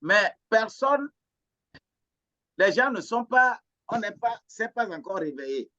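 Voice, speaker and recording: Male pastor, unhurried, stop-start phrasing, muffled lo-fi audio. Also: high-pitched, big pitch swings, bright, forceful tone. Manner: halting, repeats himself while thinking. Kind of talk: relaxed discussion. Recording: dull lo-fi recording.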